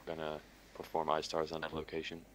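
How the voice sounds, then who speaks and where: With a quick, monotone bass voice, a man chats casually while flying as a pilot in a military sim game, now and then making radio calls. It's voice chat with faint noise behind him.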